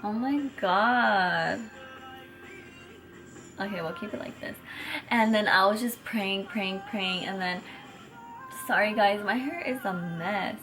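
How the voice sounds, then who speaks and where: A young woman from chatting excitedly on camera at home, with lots of fillers and retold conversations. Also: medium pitch, slow pace, long pauses, faint music behind. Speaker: vlogger. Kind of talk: casual chat.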